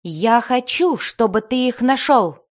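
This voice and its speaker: A woman voicing an impatient young sorceress who speaks in a sharp, demanding way. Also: fairly high pitch, animated, a little slow, voice pushed up. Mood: irritated.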